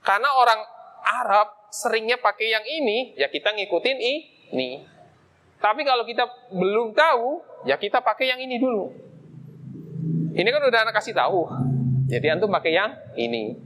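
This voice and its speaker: A man's voice: high-pitched, pushed and bright, slight background noise. A man teaching an Arabic grammar lesson in a mosque, explaining casually and asking himself questions aloud as he goes.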